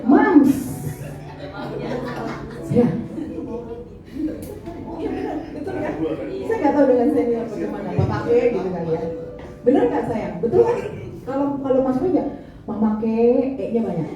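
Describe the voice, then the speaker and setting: A woman's voice: fairly high pitch, sing-song, fairly quick, long pauses, a crowd in the background. A middle-aged woman pastor giving a chatty, playful sermon in a church, teasing the congregation. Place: large church hall. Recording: echoey hall, distant mic, dull sound with music. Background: music.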